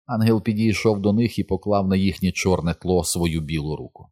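A man reads a novel aloud as an audiobook narrator. His voice sits very low and his delivery is even and unhurried, like steady storytelling.

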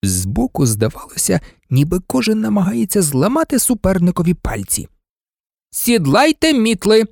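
A man's voice: high voice, big pitch swings, normal speed, vocal fry, few pauses, warm tone, dry recording, studio quality. A man narrating an audiobook expressively, voicing every character himself. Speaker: audiobook reader.

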